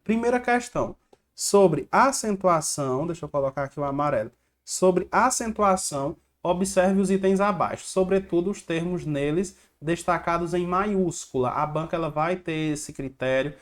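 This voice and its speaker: A man's voice: a little high, moderate pace. Male teacher chanting grammar rhymes. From Brazil. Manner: repeats mnemonic rhymes, quizzes the viewer then answers himself. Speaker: exam-prep teacher. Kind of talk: online grammar lesson with slides.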